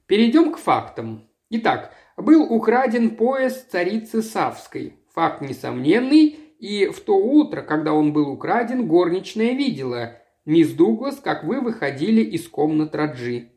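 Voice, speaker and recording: Smooth, soft-spoken investigator, read by a male narrator. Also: high voice, big pitch swings, unhurried, full character voice. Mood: calm. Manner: soft, conciliatory. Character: calm, smooth middle-aged male investigator.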